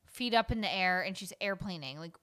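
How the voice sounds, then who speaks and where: A young woman co-hosting a podcast in casual chat, animated and incredulous, laughing often. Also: lowish voice, a little fast. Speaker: podcast co-host.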